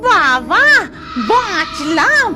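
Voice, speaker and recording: A woman voicing a hapless, mischievous female pond ghost in a cartoon, whining and scheming in a drawn-out, comic way. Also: extremely high pitch, sing-song, over loud music, heavily acted. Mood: exasperated, pleading. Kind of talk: animated ghost story character.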